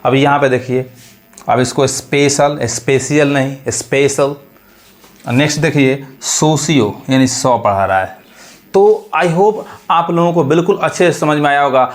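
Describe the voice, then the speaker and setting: A man's voice: a little high, animated, moderate pace. A man teaching English pronunciation, who explains step by step and asks and answers his own questions. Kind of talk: pronunciation lesson.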